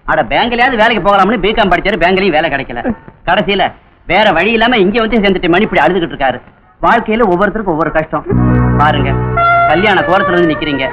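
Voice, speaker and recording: An actor playing a friend who explains and teases in a comic film scene. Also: male voice, high-pitched, highs cut off.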